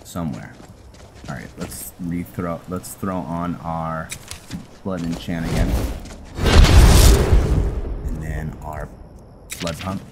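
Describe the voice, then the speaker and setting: A man with a low voice speaks slowly with frequent pauses, casually commenting as he plays through a roleplay game and thinking aloud in short steps. Loud game music covers his voice, making for heavy background noise.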